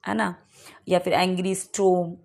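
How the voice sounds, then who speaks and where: A woman with an Indian accent teaching English literature for exam prep. She reads each question out slowly, then explains it in Hindi, often checking in with "ठीक है". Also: on the low side, level tone, vocal fry, darkish tone.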